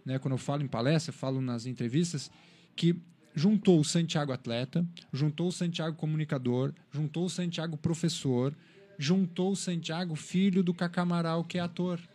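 A man from São Paulo, an interview guest telling animated stories and acting out what others said. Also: a little high, moderate pace. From Brazil, São Paulo. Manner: animated storyteller, acts out quotes. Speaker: interview guest, cycling content creator. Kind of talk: casual interview chat.

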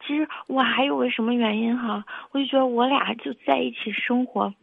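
A woman in her twenties calling in to an advice show, speaking hesitantly and haltingly. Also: fairly high pitch, steady tone, gravelly, slightly rough, no room sound. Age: 20s. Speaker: caller. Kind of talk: call-in conversation. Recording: dull lo-fi phone line.

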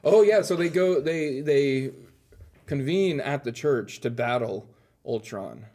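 A man co-hosting a church podcast, answering quiz questions with quick, upbeat guesses in casual chat. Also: medium pitch, lively intonation, dark tone.

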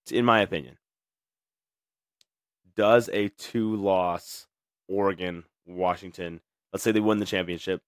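A man's voice: sits low, no room sound, clean studio sound. A young man hosting a casual sports talk show, reading viewer comments and rambling through his takes with many fillers and restarts. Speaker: podcast host.

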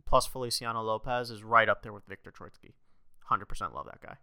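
Young man, podcast co-host, bright crisp voice, quick excitable chat, lots of "like". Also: lowish voice, no room sound. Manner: fast, excitable, laughs often, lots of "like".

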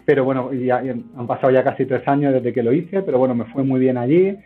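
This man has a husky, mid-range voice and talks fast. He's a guest entrepreneur from Spain, and his replies in this conversational interview wander and stall with hesitations, all heard through thin phone-line audio.

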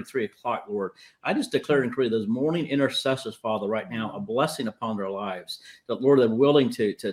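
On an online livestream call, a preacher in his fifties with a speech impediment leads spontaneous charismatic prayer and exhortation. He speaks at medium pitch, halting, repeating himself and stumbling over words.

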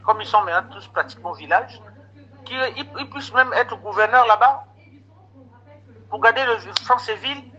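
A man's voice: sits high, moderate pace, long pauses, breathy edge. A man casually telling a long story, animatedly retelling conversations and quoting what people said to him. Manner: animated retelling of conversations with many quoted exchanges. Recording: dull lo-fi recording.

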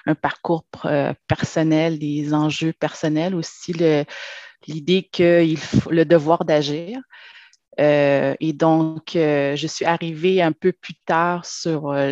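A woman, a program director, giving hesitant interview answers full of pauses and fillers. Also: low-pitched, a little mellow, dry recording, dull audio. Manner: many pauses and "euh" fillers.

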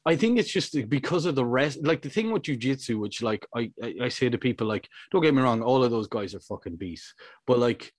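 A young man chatting on a podcast, lively and sweary, slipping into quoted voices as he tells a story. His voice sits at a middle pitch, recorded dry and close with no room sound. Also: a little fast, no echo. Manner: animated, sweary, acts out quotes. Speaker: podcast co-host. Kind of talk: casual chat.

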